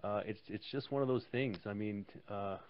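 A man's voice: lowish voice, normal speed, a little hiss or hum. A man appearing as a guest on a talk show, talking eagerly with stammering restarts. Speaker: limousine company guest. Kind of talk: casual interview chat. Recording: dull lo-fi sound.

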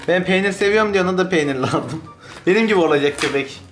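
A man's voice: sits high, lively intonation, quick pace, noisy background. A man casually chatting in a home vlog, playful and laughing as he teases and scolds a biting puppy. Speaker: vlogger playing with his new puppy. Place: at home indoors.

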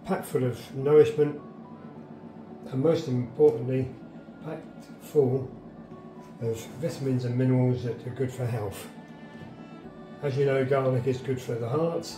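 Practical, chatty tips on drying garden herbs come from a man with a mid-range voice in an echoey room. The gardener's casual how-to demonstration is set in his home kitchen.

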